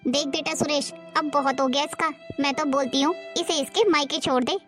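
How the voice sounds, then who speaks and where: A scolding, superstitious middle-aged mother-in-law, voiced by a woman who bosses the whole house. Her voice sits high, and clear background music runs under every line of this homemade drama. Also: fairly even intonation, a little fast, lightly acted. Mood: contemptuous. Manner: scolding, bossy. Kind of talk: homemade moral-story drama acting.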